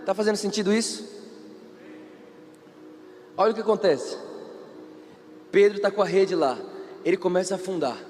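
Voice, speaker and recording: Brazilian male preacher, high voice, animated delivery, reverberant hall with faint noise. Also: moderate pace, long pauses. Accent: Brazilian Portuguese. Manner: animated, acts out quoted characters, asks the audience questions. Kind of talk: sermon.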